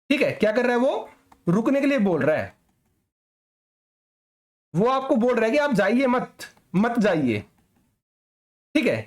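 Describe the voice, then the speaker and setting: A man teaching an exam preparation lesson, explaining step by step, asking and answering his own questions, and adding frequent checks after each point. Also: sits high. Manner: mixes English words into Hindi. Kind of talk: classroom-style lecture.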